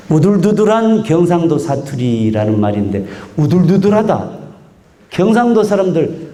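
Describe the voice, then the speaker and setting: A university professor giving a public lecture in a hall, acting out dialect phrases as he talks. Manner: animated, acts out dialect phrases with wide swings in pitch.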